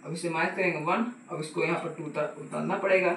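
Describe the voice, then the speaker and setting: High, bright-voiced man tutoring in an echoey room. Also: steady tone, fairly quick. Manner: patient, repeats "ठीक है" and asks the viewer questions. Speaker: math tutor. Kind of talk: casual step-by-step math lesson. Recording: echoey room, voice from a distance, faint hiss.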